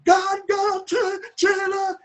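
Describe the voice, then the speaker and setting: A man's voice: very high-pitched, monotone, slow pace, fairly bright tone, pitched above the performer's own voice, exaggerated voice. A man voicing a terrified Jamaican woman neighbor who shrieks in patois, with a Jamaican accent, over a video call.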